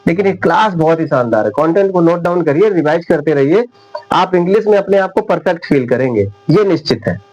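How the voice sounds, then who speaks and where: A man teaching English spelling rules at a whiteboard, repeating each example word slowly and often checking whether his viewers understand. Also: on the high side, animated, darkish tone, rough recording. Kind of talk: whiteboard classroom lesson.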